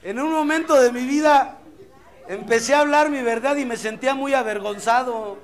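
A man's voice: very high-pitched, moderate pace. A man with a Mexican accent giving a blunt, profane, impassioned testimony at a recovery meeting. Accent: Mexican Spanish. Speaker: AA speaker.

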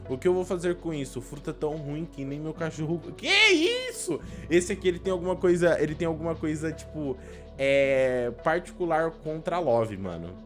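A young Brazilian man giving casual, slangy reaction commentary as a gaming YouTuber, expressive and prone to exclaiming. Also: on the high side. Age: young adult. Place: small indoor room at a desk.

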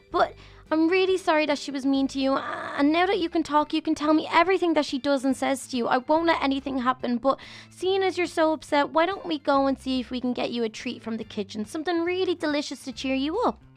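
High, chatty young woman gaming. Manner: chatty and motherly, with gasps and lots of fillers. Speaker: YouTube role-play host. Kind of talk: Minecraft role-play narration.

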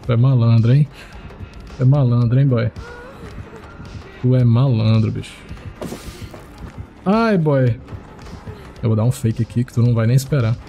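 Gravelly excitable gamer man. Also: unhurried, long pauses, highs cut off, soft background music. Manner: excitable, talks to viewers as boys, swings into high-pitched yelps when panicked. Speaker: streamer playing a horror game. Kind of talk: live gameplay commentary.

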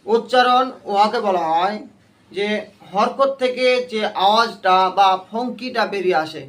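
A man's voice: high-pitched, a little slow, fairly bright tone. A man teaching a Quran reading class, quizzing his students with short repeated questions and waiting for them to answer together. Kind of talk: call-and-response class lesson.

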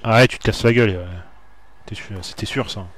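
A man's voice: fairly low pitch, a little fast, fairly bright tone. Jumpy man commenting a horror game. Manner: jumpy, talks to the screen and viewers. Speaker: let's play gamer.

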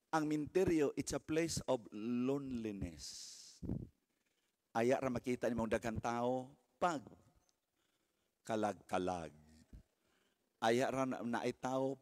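A man in his seventies preaching a sermon as pastor, swinging from hushed murmurs to shouted exclamations and calling out for hallelujahs. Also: mid-range voice. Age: 70s. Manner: calls for hallelujahs, mixes English phrases into preaching.

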